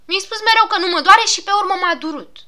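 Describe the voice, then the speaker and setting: A woman doing a shrill, whiny little gnome boy. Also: exaggerated voice. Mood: whining. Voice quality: shrill, yelping. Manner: loud and complaining. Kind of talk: storybook reading.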